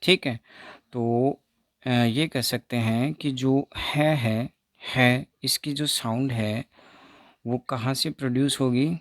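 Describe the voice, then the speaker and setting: Male teacher, measured and unhurried, dry close sound, models sounds for the class to repeat. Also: mid-range voice, steady tone, a bit bright, dry recording. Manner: slow, repeats sounds for students to copy. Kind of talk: explaining phonetics lesson.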